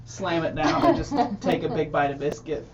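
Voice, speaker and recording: A man's voice: on the high side, moderate pace, recorded from a distance, crowd noise. A man playing a tabletop game, describing his character's actions in a matter-of-fact way. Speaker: player. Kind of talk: tabletop role-play. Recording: muffled stream audio with noise.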